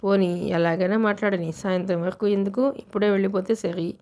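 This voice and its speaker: A woman's voice: medium pitch, fairly even intonation, brisk, a little mellow. A woman narrating a novel as an audiobook reader, telling the story steadily.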